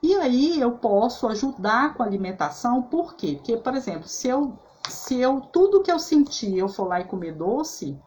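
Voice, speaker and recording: Her voice sits on the high side, sing-song and a little mellow, at a moderate pace as this holistic therapist chats through food and emotions. She checks in often with "né?" and "tá?", restarts sentences, and slight background noise can be heard.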